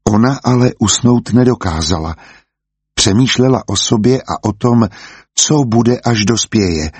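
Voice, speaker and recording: A man reading an audiobook aloud in a calm, measured storytelling manner. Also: mid-range voice, breathy edge, no room sound. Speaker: audiobook narrator. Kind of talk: scripted audiobook narration.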